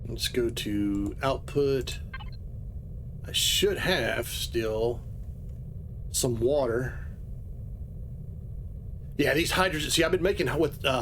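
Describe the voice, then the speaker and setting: A man's voice: medium pitch, a little slow, long pauses, slight background noise. A man streaming a game live, talking casually and rambling through his explanations, with plenty of fillers. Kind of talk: live gameplay commentary.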